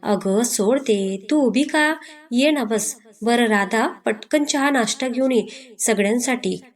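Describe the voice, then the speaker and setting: A woman voicing a bossy old grandmother who scolds and orders everyone around in a slow, drawn-out way. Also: a little high. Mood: fond bossy. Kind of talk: storybook reading.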